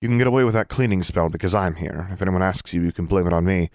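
A cool, composed witch woman, read by a man in his own low voice, calm and dry in her authority. The tone stays deep and unhurried. The sound is dry and close to the mic. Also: no room sound, natural voice.

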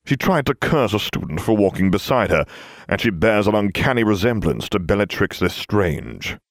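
A man voicing a cold, sneering male potions master in a storybook reading, with a slow, clipped drawl. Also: lowish voice, big pitch swings, no room sound, studio quality.

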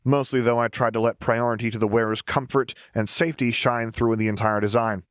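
A man's voice: mid-range voice, fairly even intonation, fairly quick, dry recording, clean studio sound, lightly acted. A man voicing a cheerful, boyish young male engineer who talks in an upbeat, earnest way.

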